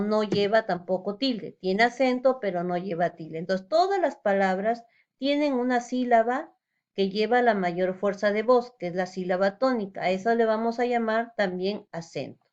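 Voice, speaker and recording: A woman's voice: mid-range voice, moderate pace, muffled recording. Patient woman teaching a spelling lesson. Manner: patient, explains step by step with rhetorical questions.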